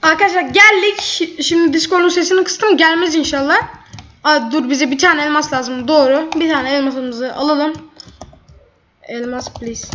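A woman's voice: sits high, normal speed, fairly bright tone, slight background noise. A woman gamer giving chatty running commentary over her gameplay, blurting out frustration at opponents. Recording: dull lo-fi mic.

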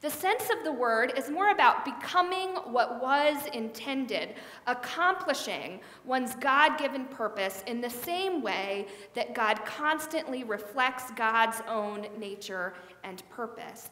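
A middle-aged woman pastor delivers a sermon in a relaxed, conversational style, gesturing with her hands, her voice slightly high and her pace slow with hardly any pauses. Wearing a headset mic indoors in a large church sanctuary, her words ring out with a long, roomy reverb that makes the hall sound echoey.

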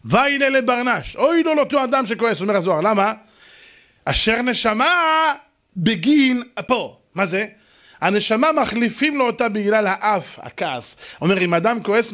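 A man giving a lively sermon to an audience, asking questions and answering them himself, and acting out shouting and calm voices. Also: fairly high pitch. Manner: animated, mimics shouting and soft calm voices for effect. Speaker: rabbi giving a Torah lesson.

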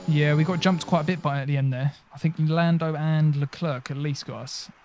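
A man's voice: on the high side, fairly even intonation, a little fast, darkish tone. A young man commentating live over a racing game, chatty and bantering with the game voices. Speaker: gaming streamer.

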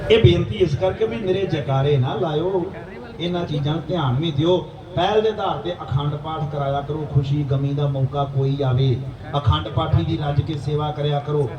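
A man, preaching and telling a religious story in an animated way that slips into the voices of the people in it. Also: fairly high pitch, moderate pace, distant mic, muffled recording, crowd noise. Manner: animated, preachy, plays quoted characters. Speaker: dhadi preacher. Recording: echoey live stage, heard from afar, faint ambience.

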